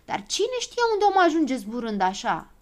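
A woman's voice: medium pitch, natural voice. A woman voicing a gloomy, grumbling little male gnome in a storybook reading, drawing out his words. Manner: grumbling, drawn out.

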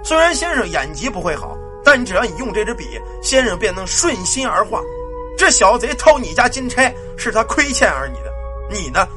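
A man voicing a cold, stern ghost general from the underworld, speaking slowly in a low, measured way. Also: big pitch swings, music in the background. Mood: grave.

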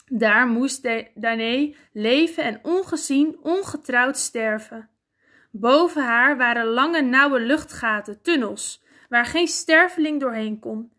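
A woman narrating a myth as a storybook reading, deliberate and expressive. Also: a little high.

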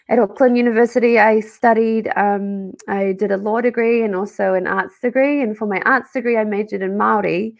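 Kiwi woman in her 30s, chatty and upbeat, bit of gravel in her voice, middle pitch. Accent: New Zealand. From New Zealand. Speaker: guest. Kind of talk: casual interview chat.

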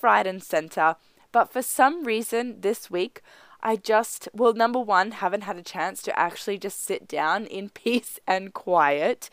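Upbeat woman host, mid-range pitch, voice nasal and husky today, dry close sound. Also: fairly bright tone, no room sound. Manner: upbeat, chatty motivational delivery. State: nasal and husky from a throat and nose complaint. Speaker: podcast host. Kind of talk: casual solo podcast talk.

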